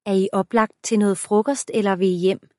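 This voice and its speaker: A woman voicing a fond, doting grandmother who speaks warmly and full of praise. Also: mid-range voice, steady tone, no room sound, studio quality, natural voice. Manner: warm, praising.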